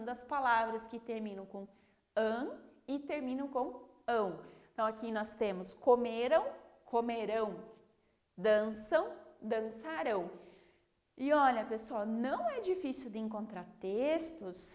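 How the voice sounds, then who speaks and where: A Brazilian woman teaching a primary school class, explaining patiently and checking in with the children often. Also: fairly high pitch. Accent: Brazilian Portuguese. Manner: slow, patient, clear word-by-word explanation; checks understanding with frequent "ok?".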